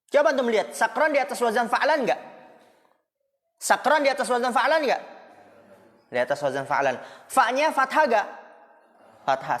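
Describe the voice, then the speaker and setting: Very high and fairly bright, this man's voice belongs to an Islamic school teacher giving an informal Arabic grammar lesson laced with jokes and rhetorical questions. The setting is a boarding school classroom, and the recording has a long hall reverb.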